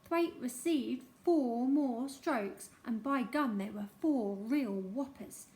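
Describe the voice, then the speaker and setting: A woman narrating a childhood memoir aloud in an expressive storytelling manner. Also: on the high side, slow pace.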